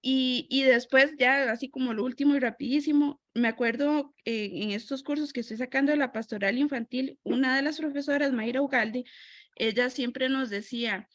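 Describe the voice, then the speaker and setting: A woman's voice: high voice, normal speed, dry recording, studio quality. A woman with a Costa Rican accent chatting casually in a Bible study group, with frequent tag questions and self-corrections. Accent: Costa Rican Spanish. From Costa Rica. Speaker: church member sharing.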